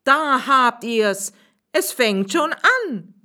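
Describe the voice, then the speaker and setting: A woman reading a storybook aloud, voicing a worried male schoolmaster who warns slowly and irritably. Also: mid-range voice, a little mellow, voice pushed up, natural voice. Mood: annoyed.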